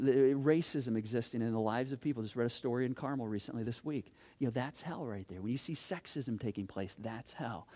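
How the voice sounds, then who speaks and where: A man preaching a sermon as pastor in a church, animated, asking many rhetorical questions and swinging from loud to hushed. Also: medium pitch.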